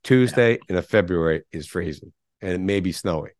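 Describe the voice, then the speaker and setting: A man's voice: low voice, brisk, a little mellow, no echo, clean studio sound. A middle-aged man, a guest on a podcast interview, speaking emphatically and firing off rhetorical questions. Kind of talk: conversational interview.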